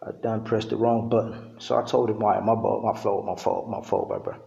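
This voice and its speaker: A man's voice: lowish voice, steady tone, brisk, gravelly, mellow, roomy sound, muffled recording. A middle-aged man from Uganda, raised in the US, talking in a loose, conversational monologue to the camera and often checking in with "you know what I'm saying". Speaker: vlogger.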